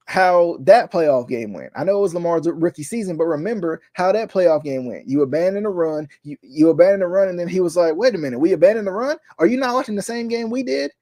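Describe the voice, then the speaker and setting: A man's voice: fairly high pitch, dark tone. Frustrated man ranting about football. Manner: frustrated, repetitive ranting, talks to viewers as y'all. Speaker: sports show host. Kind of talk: casual sports commentary vlog.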